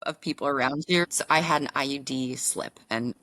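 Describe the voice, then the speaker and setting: A woman guesting on a podcast, telling candid stories in an animated way and acting out other people's lines. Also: very deep voice, brisk, dry recording, poor audio. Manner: animated storyteller who acts out other people's voices; frank and candid. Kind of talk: casual podcast conversation.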